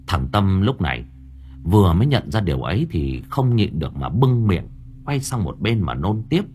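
An audiobook narrator, male, tells a horror story with dramatic flair and a lively, shifting pitch. He keeps a moderate pace, and there's a little background noise.

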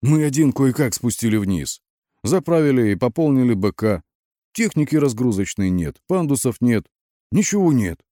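A man's voice: mid-range voice, sing-song, moderate pace, mellow, no room sound, clean studio sound, pitched above the performer's own voice, close to an everyday voice. A man voicing a frightened young male lieutenant who squeals and pleads. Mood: pleading. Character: young panicky male lieutenant, whiny and scared.

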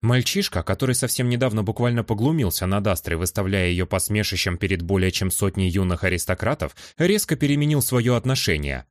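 A male audiobook narrator with a very deep voice reads fantasy in the first person, calm and measured. The sound is close and dry, with no room echo.

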